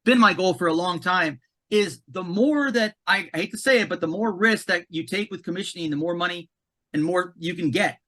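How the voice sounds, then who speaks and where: Emphatic male podcast guest, high voice with a bright edge. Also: brisk. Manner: emphatic and animated, repeats words. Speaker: commissioning consultant, podcast guest. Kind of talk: casual podcast conversation.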